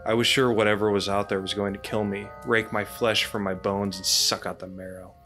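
A man reads a scary campfire story aloud for his podcast. His voice sits low but has a bright, forceful edge. His delivery is dramatic and storytelling. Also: little pitch movement, brisk, faint music behind. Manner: dramatic reading broken by laughter. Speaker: podcast host.

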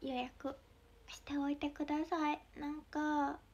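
Young woman with a Mie accent, high bright voice, giggly casual livestream host, slips into whispers. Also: level tone, a little slow, highs cut off. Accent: Mie dialect. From Mie Prefecture, Japan. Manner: chatty, giggly, drifts into soft whispers. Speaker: idol livestreamer.

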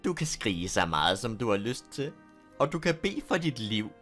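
A man voicing a menacing fake Santa, a male axe killer who taunts his victim with slow, drawn-out calls. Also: on the low side, big pitch swings, a bit bright, faint music behind. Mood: gloating.

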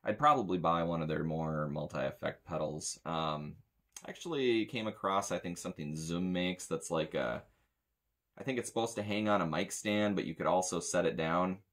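In a small indoor room with metal shelving, an American man in his thirties works as a sound tech and reviews gear in a casual, rambling, blunt, grumbling manner. His voice is deep and a bit bright, at a moderate pace.

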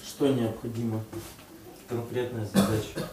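A man asking dry, mocking questions in a deadpan way. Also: mid-range voice, measured pace. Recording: echoey room from far off with crowd.

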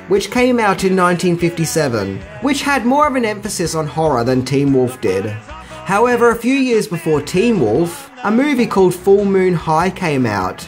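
A middle-aged man hosting a scripted film trivia video with casual, slangy asides. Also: fairly high pitch. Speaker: video host.

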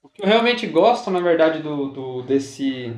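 Speaking at a measured pace in an expressive, fairly high voice, a man shares laid-back fishing game tips on his YouTube channel. He repeats himself, keeps checking in with his audience, and leans on "galera" and "tá?". There's some hiss or hum and a roomy echo.

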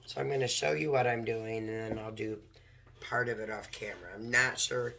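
Hoarse guy doing a craft tutorial, drifts off mic while he works, gravelly. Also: fairly low pitch, fairly even intonation, moderate pace, sharp tone, slight background noise. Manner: talks while working, moving near and far from the mic. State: hoarse from a cold. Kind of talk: casual step-by-step craft demo.

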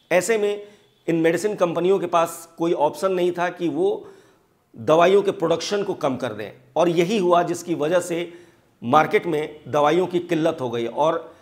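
Earnest male news presenter, higher voice. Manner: earnest explanatory delivery with hand gestures. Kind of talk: studio news commentary. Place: TV studio. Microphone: lapel mic.

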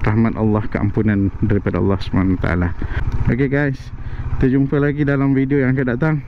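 Man, casual motovlog chat, frequent fillers, riding outdoors, dull lo-fi sound, loud wind and traffic noise. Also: mid-range voice, fast talker. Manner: relaxed, with frequent "ah" fillers and English words mixed in. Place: outdoors on a moving motorcycle on rural roads. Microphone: helmet or body-mounted action camera.

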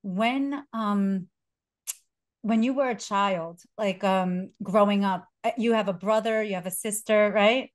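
A woman hosting an interview, earnest and emotional, pausing with fillers as she looks for words. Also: mid-range voice, no room sound, studio quality. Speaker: podcast host.

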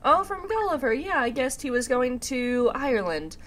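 This woman's voice sits high, swings widely in pitch and has a fairly bright tone at normal speed. Hosting a casual let's play, she talks to herself sounding slightly nasal and congested from a sinus infection, as she recovers from a cough and sore throat. Video game music plays over slight background noise.

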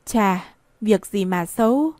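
A woman's voice: medium pitch, expressive, slow, darkish tone, no echo. A woman reading the part of a smug, persuasive older wealthy man in an audiobook.

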